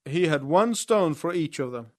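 A man preaching a sermon in short phrases, pausing so an interpreter can translate each one. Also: a little high, lively intonation, no room sound, clean studio sound.

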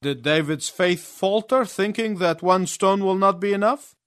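A man's voice: high-pitched, a bit bright, clear, resonant tone, no echo. Male preacher, phrase-by-phrase storytelling sermon, light voice, close dry sound. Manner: storytelling, pausing in short phrases for the interpreter. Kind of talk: sermon with live interpretation.

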